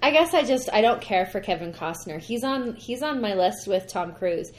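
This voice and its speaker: A woman co-hosting a podcast, opinionated and blunt in casual chat, quick to laugh. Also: mid-range voice, animated. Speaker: podcast co-host.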